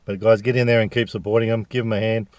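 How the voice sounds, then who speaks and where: An Australian man with a fairly low voice talks casually to his viewers in a food review vlog. His delivery is jokey and slangy, and the sound is very dry, with no room echo. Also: little pitch movement, quick pace, a little mellow.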